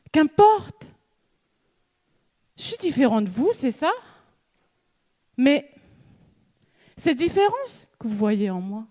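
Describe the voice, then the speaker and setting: A young student from New Caledonia speaks in an eloquence contest, her delivery slow and measured with long dramatic pauses. Her voice sits high but sounds mellow and dark. She builds with rhetorical questions and repeated refrains. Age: young adult. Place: stage in a hall before an audience.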